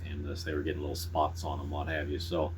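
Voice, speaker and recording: A middle-aged man chatting casually to viewers in a folksy, unhurried, halting way. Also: a bass voice, completely flat delivery, a little hiss or hum. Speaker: pipe-smoking vlogger. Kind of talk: casual rambling chat to viewers.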